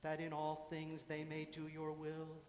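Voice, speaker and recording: A man leading a litany in a large church, intoning a slow, measured prayer. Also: fairly high pitch, monotone, darkish tone, a little hiss or hum. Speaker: worship leader. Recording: echoey hall, mic from afar.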